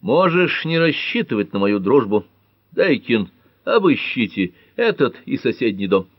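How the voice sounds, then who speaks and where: A man reading an audiobook, voicing a hot-tempered young prosecutor who speaks fiercely and hoarsely. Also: medium pitch, big pitch swings, a little slow, no room sound, pitched above the performer's own voice.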